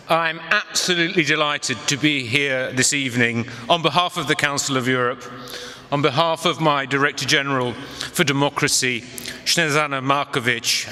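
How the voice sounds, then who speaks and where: A man's voice: a little high, sharp tone. Wry older man speaking in an echoing hall. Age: 60s. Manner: wry, conversational, with pauses for effect. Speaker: Council of Europe official, guest speaker. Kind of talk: ceremonial speech with wry humour. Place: large echoing hall at an evening event. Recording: reverberant hall.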